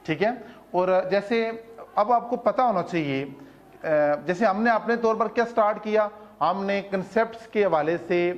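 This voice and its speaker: School principal, man, high voice, earnest explainer, rhetorical questions, mixes in English terms, muffled recording. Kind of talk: explanatory talk to parents.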